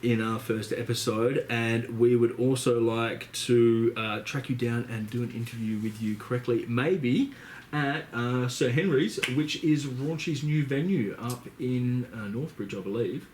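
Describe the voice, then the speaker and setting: A young man hosts a podcast in a relaxed, rambling way, full of fillers. His voice sits at an ordinary pitch for a man. A faint hiss of background noise runs under the recording. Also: a little slow. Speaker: podcast host. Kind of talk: casual chat.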